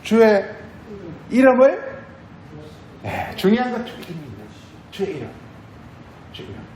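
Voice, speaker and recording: A man's voice: high-pitched, huge pitch swings, normal speed, darkish tone, echoey room, a little hiss or hum, low-quality recording. A male pastor giving a sermon, repeating phrases and asking the congregation questions. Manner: repetitive, asks the congregation questions.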